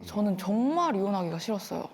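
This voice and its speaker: A woman in her twenties, a guest on a talk show, telling her life story calmly and openly. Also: mid-range voice, fast, slight background noise. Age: 20s. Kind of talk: casual TV talk show conversation.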